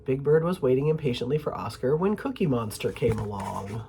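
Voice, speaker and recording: A woman's voice: rumbling low, expressive, brisk, warm tone, slight background noise. Sick woman reading a children's book. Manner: playful, chatty asides. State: sick, coughing. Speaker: storytime host.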